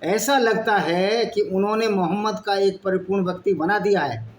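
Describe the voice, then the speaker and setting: Speaking at normal speed in a high voice, a channel host reads passages aloud and interrupts with blunt, argumentative asides. The recording comes from an echoey room with faint background noise.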